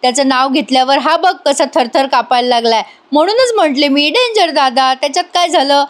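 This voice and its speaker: A woman's voice: high-pitched, animated, brisk. A woman doing a cheeky young sister. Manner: cheeky, playful.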